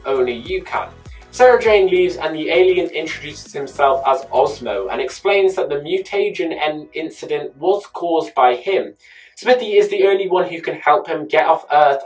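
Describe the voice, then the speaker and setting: A YouTube host giving a scripted episode recap narration, adding chatty personal asides. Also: medium pitch. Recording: distant mic with faint music behind.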